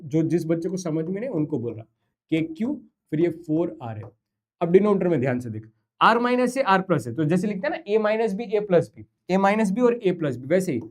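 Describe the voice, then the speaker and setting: A man's voice: sits high, a little mellow. A man teaching a physics lesson at a whiteboard, coaxing and a little singsong as he talks to his students. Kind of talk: whiteboard lecture.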